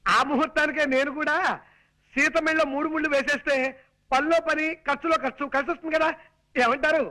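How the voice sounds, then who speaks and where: A man's voice: very high voice, fairly even intonation, brisk, sharp tone, low-quality recording. An actor playing a scheming young male suitor in a film comedy, talking in an exaggerated, wheedling, theatrical way. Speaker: comic hero. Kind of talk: 1980s film comedy dialogue.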